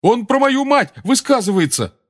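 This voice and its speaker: Seamus, a shouting, agitated schoolboy, read by a man. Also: sits high, huge pitch swings, unhurried, voice pushed up, full character voice. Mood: angry. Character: nervous, hot-tempered teenage schoolboy Seamus.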